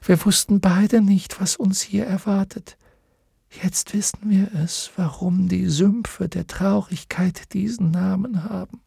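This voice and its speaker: A man reading an audiobook and voicing a weary, despairing talking horse that speaks haltingly and often in a whisper. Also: high voice, steady tone, vocal fry, warm tone, husky, no echo, clean studio sound, pitched above the performer's own voice, heavily acted. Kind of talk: audiobook character voice.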